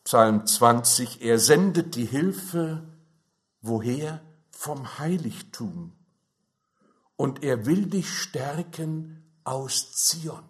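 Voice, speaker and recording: A man delivering a sermon at an unhurried, deliberate pace. His voice sits at an ordinary pitch and he leans hard into the key phrases with growing fervor. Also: lively intonation. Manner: slow, emphatic preaching with rising fervor. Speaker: preacher.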